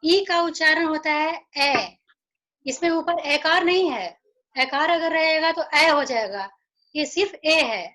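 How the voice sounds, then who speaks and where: A woman teacher giving an online phonics lesson, slowly saying each letter sound and repeating it. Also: high-pitched, sharp tone. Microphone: video call.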